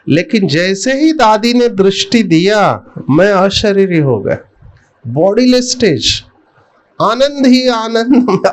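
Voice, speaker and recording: A middle-aged man giving a spiritual talk, telling a personal story and putting questions to his listeners. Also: high-pitched. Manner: slow, storytelling, addresses the audience with questions. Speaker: spiritual speaker.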